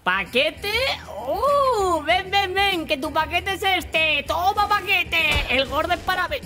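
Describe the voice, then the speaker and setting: A man with a Spain Spanish accent voicing a camp, flamboyant, cocky, lewd male soldier in theatrical, taunting gameplay commentary, with shouted catchphrases. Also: very high-pitched, expressive, slow, heavily acted. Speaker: gaming YouTuber. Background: game music.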